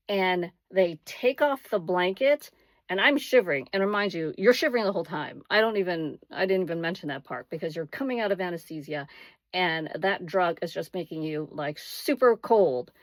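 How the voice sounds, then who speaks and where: A woman's voice: fairly low pitch, dry recording. A woman vlogger telling a personal story casually, with dramatic, emphatic turns.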